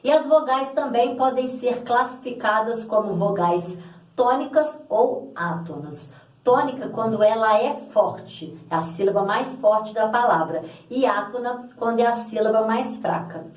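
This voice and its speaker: A woman's voice: a little high, lively intonation, measured pace. A woman teaching a grammar lesson, explaining patiently and repeating example words aloud to stress them. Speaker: Portuguese language teacher. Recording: echoey room, voice from a distance.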